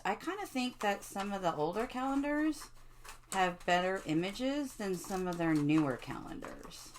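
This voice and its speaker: A middle-aged woman with a lowish voice hosts a casual crafting tutorial, with slight background noise. As a craft video host, she chats with viewers and asks them questions while she works.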